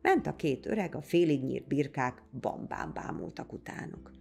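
A woman narrating a folk tale in a lively, expressive storytelling manner. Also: sits low, vocal fry, soft background music.

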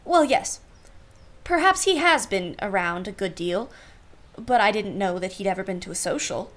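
A woman's voice: mid-range voice, animated, normal speed, lightly acted. A woman playing a genteel society aunt in a radio play, speaking with arch formality and dry irony. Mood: guarded, ironic. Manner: arch, formal, dryly ironic. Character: wry, genteel society aunt, privately exasperated.

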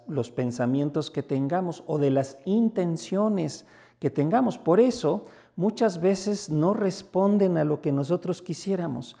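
A man with a Mexican accent, a priest giving a spoken reflection message in a conversational manner, sometimes acting out everyday dialogues. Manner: conversational, acts out little everyday dialogues with lively pitch jumps. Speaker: priest and basilica rector.

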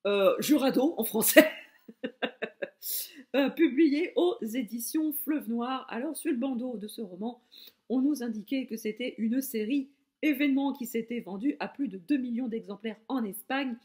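A woman's voice: fairly high pitch, normal speed, mellow. A woman from France giving a casual, enthusiastic book review straight to her viewers.

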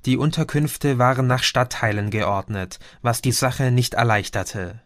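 A man's voice: mid-range voice, measured pace, dry recording. Man reading an audiobook, dry sound. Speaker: audiobook reader. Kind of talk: scripted audiobook narration.

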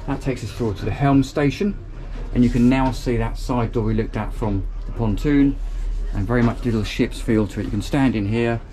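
Moving from a marina pontoon into a small motor boat's cabin, a man gives a casual walkthrough tour of the boat as a reviewer. He talks at a moderate pace in a mellow, mid-range voice with hardly any pauses, sounding chatty and upbeat and thinking aloud, while slight noise sits in the background.

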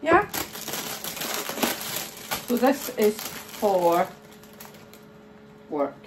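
A middle-aged woman, chatting slowly and thinking aloud as she preps food in her home kitchen. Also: mid-range voice, big pitch swings. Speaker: cooking vlogger. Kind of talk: casual cooking chat. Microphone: phone camera held nearby. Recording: noisy home kitchen ambience.

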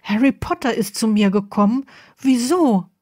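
A woman's voice: mid-range voice, normal speed, a little mellow, no room sound, clean studio sound, natural voice. A woman voicing a distraught, tearful man who speaks in a panicked, pleading way.

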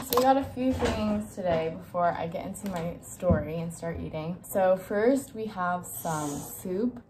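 A woman's voice: mid-range voice, a little mellow. A young college-age woman chatting casually to camera in a wry, self-mocking way. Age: young adult, college student. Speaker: student vlogger. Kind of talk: casual vlog chat to camera. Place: dorm room, indoors.

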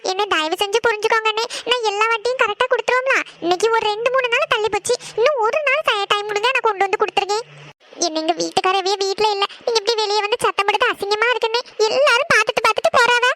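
A woman voicing a harried young village housewife in debt, talking fast and pleading anxiously. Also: very high voice, very noisy. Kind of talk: cartoon voice acting.

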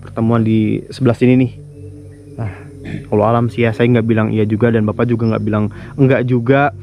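A man's voice: mid-range voice, little pitch movement, brisk, dull audio, a little hiss or hum. A man hosting a casual vlog, chatting loosely with viewers and interviewing locals outdoors. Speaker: vlogger, host.

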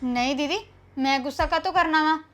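A young actress playing a headstrong new bride who speaks bluntly and defiantly. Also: female voice, sits high, brisk, a bit bright, soft background music. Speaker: actor. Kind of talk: web series drama acting.

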